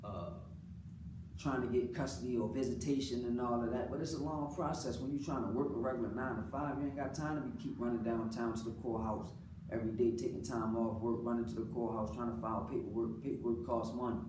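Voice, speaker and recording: A man's voice: mid-range voice, fairly even intonation, quick pace. Earnest American man, roomy distant recording. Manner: earnest, repeats phrases for emphasis, colloquial. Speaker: father speaking about his own life. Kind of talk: unscripted personal monologue, casual talk. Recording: roomy, distant mic, clearly noisy background.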